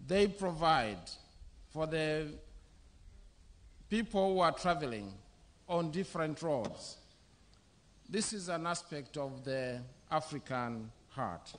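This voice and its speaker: A middle-aged man from Zambia, a bishop preaching a sermon at a podium microphone in an outdoor covered church venue, speaking in slow, measured short phrases. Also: a little high, fairly bright tone.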